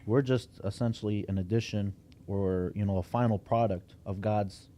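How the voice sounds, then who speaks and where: A man with a slight Arabic accent, explaining things in a measured way in a casual podcast conversation. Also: fairly low pitch, steady tone, warm tone, a little hiss or hum. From United States. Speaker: podcast guest.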